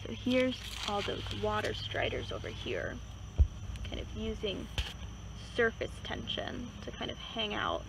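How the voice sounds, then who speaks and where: A woman acting as a nature guide, giving a casual, chatty explanation with many fillers, outdoors beside a pond. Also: medium pitch. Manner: relaxed, chatty, many fillers and hedging words. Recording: outdoor recording with clear insect and cricket noise. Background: crickets and insects in a rural setting.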